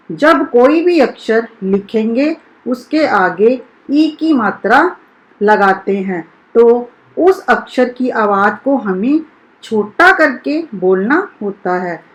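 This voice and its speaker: Woman school teacher for a children's lesson: slightly high voice, unhurried, carefully sounds out every syllable. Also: poor audio. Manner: slow, deliberate, sounds out each syllable for children. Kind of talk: recorded primary-school Hindi lesson.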